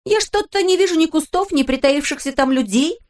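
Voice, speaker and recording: Woman putting on a storybook girl, bold, impulsive, high and emphatic. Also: brisk, lightly acted. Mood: excited. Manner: excited, emphatic, tearful exclamations. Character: bold, tender-hearted girl, loud and impulsive.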